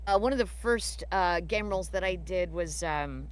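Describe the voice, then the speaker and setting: A voice actress with a lowish voice answers fan questions as a guest in a casual live Q&A, speaking at a moderate pace. She's chatty and warm, telling stories packed with fillers.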